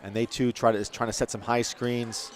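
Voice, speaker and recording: A man doing play-by-play for a local school basketball game from a press box, chatty and quick to correct himself. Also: mid-range voice, little pitch movement. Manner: chatty, rambling asides, self-corrections. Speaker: play-by-play commentator. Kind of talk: local sports commentary.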